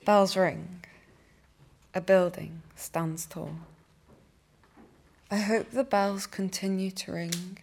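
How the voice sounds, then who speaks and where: A young woman, a poet, reading her own poems aloud in a cathedral with slow, measured delivery. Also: medium pitch, fairly even intonation, vocal fry, darkish tone, slight background noise. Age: young adult. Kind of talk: poetry reading.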